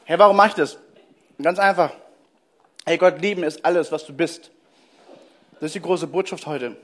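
A man giving a lively sermon to his congregation, talking casually and directly to his listeners and slowing down to quote scripture. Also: fairly high pitch. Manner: casual and direct, addressing the listener as "du" with frequent "hey"; slows down and drops his voice for quoted Bible verses. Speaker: preacher.

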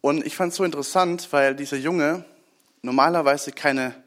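Conversational preacher man, higher voice. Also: normal speed. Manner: conversational, asks listeners for agreement; drops to a soft low voice on key points. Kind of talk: sermon.

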